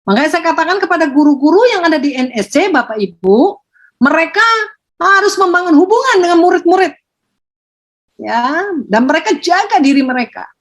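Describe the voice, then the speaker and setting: A woman giving a lively parenting talk to parents, jumping into high-pitched quotes of parents. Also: brisk.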